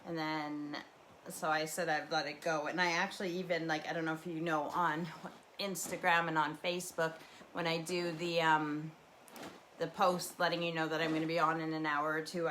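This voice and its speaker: This chatty woman hosts a home livestream from the Canadian prairies, her low voice carrying a fairly bright tone. Rambling casually, she wanders between ideas with many fillers and restarts. A faint hum of background noise comes through her webcam mic.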